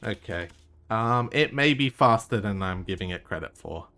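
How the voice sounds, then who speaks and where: A man's voice: lowish voice, animated, normal speed, bright, forceful tone. A man streaming a video game live, commenting in a wry, offhand way and swearing freely. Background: game music.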